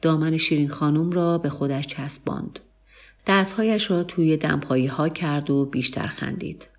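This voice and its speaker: A woman with a low voice reads a literary story aloud. Her delivery is calm and measured, and the phrases move slowly. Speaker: narrator.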